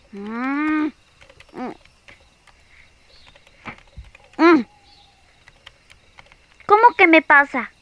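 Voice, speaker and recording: A woman playing a playful, pouty young girlfriend in an ASMR role-play, speaking slowly and coaxingly with teasing hums and pauses. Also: high-pitched, lo-fi sound, close to an everyday voice. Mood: needy, pestering.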